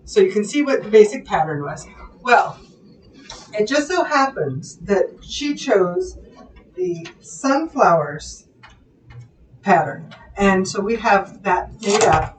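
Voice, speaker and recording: A woman's voice: mid-range voice, sing-song, takes it slowly, pauses often, far from the mic. A woman with a Midwestern American accent co-hosting a live quilt shop show, telling stories and laughing easily. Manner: giggly, storytelling, trails off mid-sentence. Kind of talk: casual live-stream chat. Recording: echoey room, voice off-mic, faint hum.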